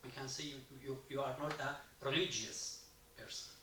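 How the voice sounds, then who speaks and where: A man from Iraq asks a halting question in English, his second language, pausing often and restarting his sentences. He is heard from a distance in a reverberant hall. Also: mid-range voice, steady tone, sharp tone. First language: not English. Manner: halting, many pauses and restarts. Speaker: audience member asking a question. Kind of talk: hesitant question from the floor. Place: university lecture hall. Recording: echoey hall, far from the mic, faint noise.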